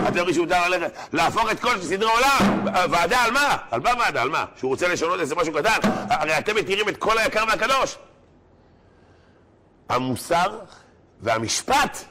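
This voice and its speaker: A man giving a sermon to a crowd, telling joke stories and acting out the characters in them. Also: medium pitch. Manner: animated storyteller, acting out characters. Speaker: religious lecturer.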